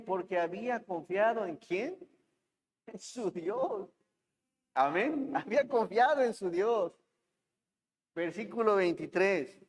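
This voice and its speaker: High-voiced pastor preaching slowly. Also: male voice. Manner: asks the congregation questions, reads scripture aloud. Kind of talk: sermon. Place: church hall. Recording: long hall reverb in church.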